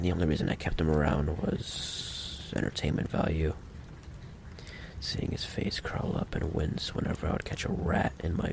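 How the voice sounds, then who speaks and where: Against a noisy background, a man performs an ASMR roleplay monologue as a menacing, possessive mafia boss. His voice is low, gravelly, and exaggerated, and his delivery is deliberate and coolly condescending.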